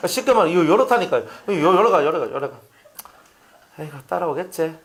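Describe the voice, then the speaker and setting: A pastor preaching a sermon, chatty and animated, asking his congregation rhetorical questions. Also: sits high, rapid-fire.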